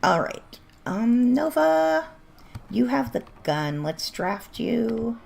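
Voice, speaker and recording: Speaking slowly in a mid-range, gravelly voice, she stays animated throughout. The setting is a gaming livestream where she chats bluntly and casually, laughs a lot, and is beginning to lose her voice.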